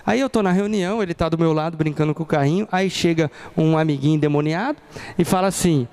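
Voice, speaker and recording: A man's voice: a little high, fast, darkish tone, clean tone. A Brazilian man in his thirties preaching a sermon and telling family stories, acting out the people in them. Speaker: pastor. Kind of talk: sermon with personal storytelling.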